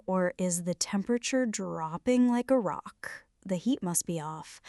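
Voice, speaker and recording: A little high and warm-toned, a woman's voice plays a flirty, playfully bossy friend in an intimate scripted ASMR roleplay. She addresses the listener directly with mock-dramatic exaggeration, shivering as she complains, in a dry, studio-quality recording.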